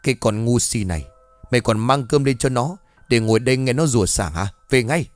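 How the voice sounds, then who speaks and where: Man doing a mean cold village woman, threatening, lively pitch. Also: a little fast, dry recording, soft background music, lightly acted. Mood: scolding.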